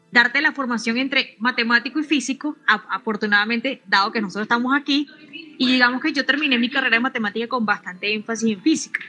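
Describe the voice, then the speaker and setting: A middle-aged Venezuelan physicist and researcher answers interview questions haltingly, often restarting and adding tag questions. Her voice is a little high with a sharp tone.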